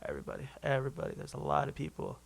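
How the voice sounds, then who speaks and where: A young man from Minnesota, a musician guest chatting casually in an interview, loose and relaxed with frequent restarts. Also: medium pitch, very fast, vocal fry. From Minnesota, USA.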